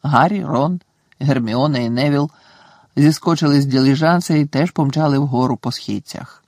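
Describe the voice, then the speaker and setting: A man reading a storybook aloud in steady, expressive scripted narration. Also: mid-range voice, normal speed, no echo. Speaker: audiobook narrator.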